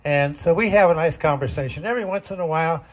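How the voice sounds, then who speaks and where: A man's voice: a little high, quick pace. An older man telling folksy, self-deprecating jokes as stand-up comedy at a community talent show.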